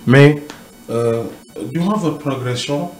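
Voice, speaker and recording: A man with a Senegalese accent hosting a video interview, lively and mixing in Wolof greetings. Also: fairly high pitch, slow pace, a little hiss or hum. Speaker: interviewer host.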